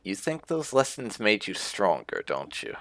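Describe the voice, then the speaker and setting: A woman who hosts gaming videos and plays along gives roleplay game commentary, musing hesitantly and humming thoughtfully as she reads dialogue choices aloud. Her voice is extremely low, with huge pitch swings and a slightly slow pace.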